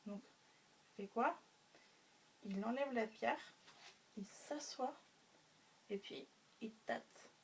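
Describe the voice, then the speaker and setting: Woman retelling a story, hesitant with fillers, mouth sound effects, fairly high voice, slightly distant mic, faint background noise. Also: slow pace, pauses often.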